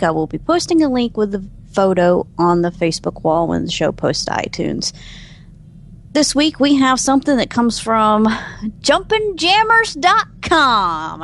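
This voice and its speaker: A woman's voice: on the high side, a little hiss or hum. Bubbly, giggly woman co-host. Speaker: podcast co-host. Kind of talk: casual podcast segment presenting.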